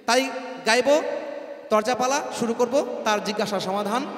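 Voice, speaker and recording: A hoarse man with an unusually high voice talks to an audience from a folk stage, joking and chatting. His voice is carried on a PA into a big echoey space with a long reverb, and faint music sits behind him. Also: unhurried, a bit bright. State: hoarse from nights of singing. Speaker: folk stage performer in a sung debate. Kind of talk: stage patter to an audience over a PA.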